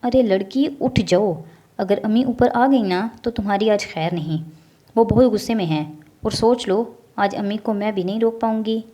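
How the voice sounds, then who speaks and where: A woman voicing a gentle young older sister who urgently coaxes her sibling, in a storybook reading. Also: mid-range voice, lightly acted. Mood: coaxing. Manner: coaxing, urgent.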